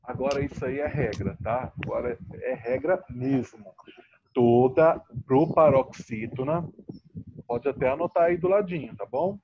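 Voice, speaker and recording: In a muffled, lo-fi recording with a little noise, a man with a medium-pitched voice teaches online at a slightly slow pace. Patient throughout, he elongates words while explaining and often checks in with his students.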